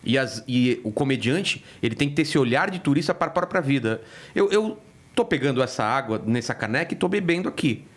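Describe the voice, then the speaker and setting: A man's voice: medium pitch, animated, fairly quick. A male comedian in casual podcast chat, telling stories animatedly and acting out quoted voices. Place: podcast studio.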